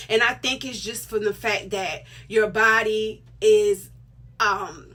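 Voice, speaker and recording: A middle-aged woman talks straight to her viewers in a casual vlog. Her voice is bright and forward. She is emphatic and chatty, often repeating a point to drive it home. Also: mid-range voice, breathy edge. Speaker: vlogger.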